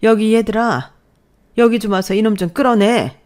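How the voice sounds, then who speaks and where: In a storybook drama, a fierce older widow lashes out in a forceful, scolding voice, as a woman narrator puts her on. She speaks a little higher and louder than the narration. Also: animated, moderate pace, natural voice. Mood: scornful.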